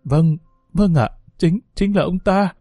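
Storybook part: a male narrator doing a sobbing, scared schoolgirl, voice raised higher, dry and close. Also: lively intonation, rapid-fire, darkish tone, dry recording, soft background music, natural voice. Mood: tearful, frightened. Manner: pleading, sobbing. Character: frightened teenage schoolgirl, tearful.

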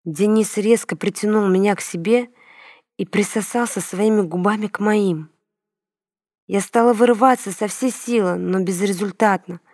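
A woman's voice: medium pitch, moderate pace, darkish tone, no room sound, studio quality. A woman narrating a first-person story as an audiobook, reading expressively with emotion.

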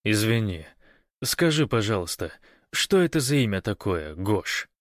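A man voicing a brash young man who has lost his memory, talking loudly and cheekily. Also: lowish voice, very animated, measured pace, dry recording, clean studio sound. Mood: bewildered. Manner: loud, cheeky, defiant. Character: brash young man with amnesia, cocky and joking.

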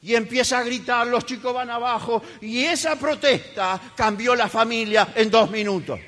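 A man's voice: extremely high pitch, moderate pace, pushed and bright. A man preaching a sermon as a pastor, emphatic and fiery, mocking the voices of complainers. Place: church hall. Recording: reverberant church hall.

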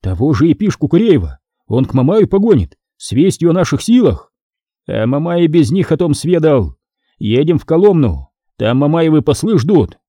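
A man reading a historical novel aloud as an expressive narrator. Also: on the high side, normal speed, no room sound, clean studio sound. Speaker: audiobook reader. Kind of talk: audiobook narration.

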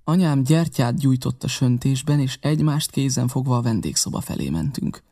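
A male audiobook narrator with a gravelly, creaky texture to a mid-pitched voice. He tells the story at a steady, measured pace. His reading sounds scripted and composed. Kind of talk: scripted first-person narration.

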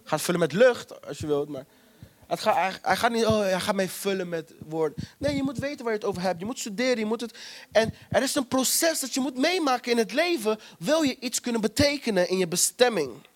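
A man's voice: high voice, animated, fairly quick. A man preaching a sermon, emphatic and repetitive, retelling scripture with quoted voices.

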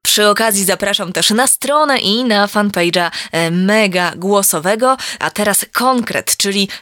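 A woman of middle pitch talks into a studio microphone, hosting her own podcast as a voice coach. Her delivery is conversational, with small hesitations and fillers. The sound is close and dry. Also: unhurried, a bit bright, dry recording. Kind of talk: solo podcast talk.

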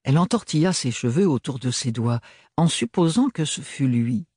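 Husky male audiobook narrator. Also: mid-range voice, animated, moderate pace, a little mellow, no room sound, clean studio sound. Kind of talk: scripted narration.

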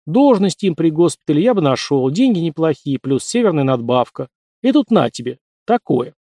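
Man doing a brisk grumbly hospital boss, a bit high, dry read. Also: very animated, dark tone, no echo. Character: gruff middle-aged male hospital department head.

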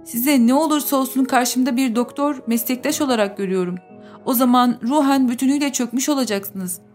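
A woman's voice: high-pitched, brisk, darkish tone, soft background music, close to an everyday voice. A woman reading the part of a stern male professor who firmly admonishes a colleague in an audiobook. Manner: firm, admonishing.

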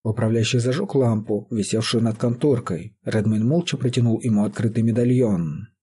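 A man reading an audiobook in a measured, even narration. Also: on the low side, slightly rough. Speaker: audiobook reader. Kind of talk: scripted narration.

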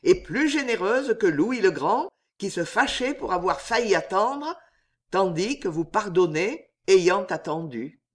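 A reader voicing a smug, quietly menacing gentleman suitor who speaks with mock courtesy and emphasis. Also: medium pitch, animated, a little slow, lightly acted. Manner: smooth, mockingly gallant, emphatic.

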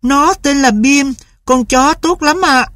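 A woman reading aloud, voicing an eager, tearful young boy in a high voice. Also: slow pace, fairly bright tone, no echo, clean studio sound. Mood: pleading.

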